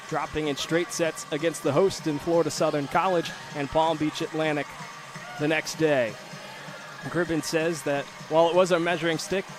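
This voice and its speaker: A man broadcasting a college volleyball preview, steadily reading team notes and starting lineups. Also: fairly high pitch. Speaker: play-by-play broadcaster. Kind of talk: pregame sports broadcast preview.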